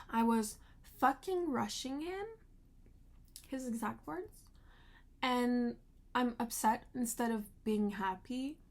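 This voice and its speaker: A woman with a slightly high voice talks at an unhurried pace, venting frustration. She tells a storytime vlog emotionally and swears freely along the way. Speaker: vlogger.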